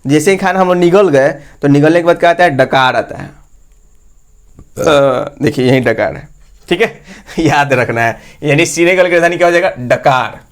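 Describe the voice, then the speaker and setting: A man's voice: medium pitch, unhurried. A man teaching an exam-prep lesson, repeatedly asking his listeners questions and answering them himself.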